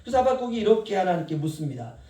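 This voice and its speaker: Animated middle-aged pastor in an echoey church. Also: male voice, high voice, very fast. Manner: animated, conversational preaching with acted quotes. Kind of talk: sermon. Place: church sanctuary. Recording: roomy church echo, mic at a distance.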